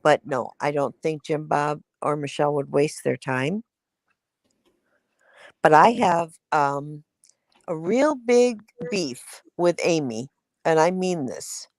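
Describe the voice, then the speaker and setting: A woman's voice: low voice, lively intonation, slow pace, dry recording. A woman giving outspoken, indignant opinions as a guest on a casual livestream chat.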